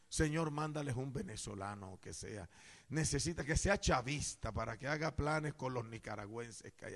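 Man from the Caribbean, preacher, high pitch, loud, playful, echoey church hall. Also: vocal fry. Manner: loud, playful, jokes with the congregation. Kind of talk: sermon.

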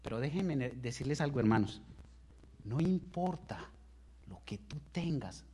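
A man preaching a sermon, impassioned, swinging between loud outbursts and hushed lines, often repeating words and restarting phrases. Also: medium pitch, animated, unhurried, husky. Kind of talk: sermon storytelling.

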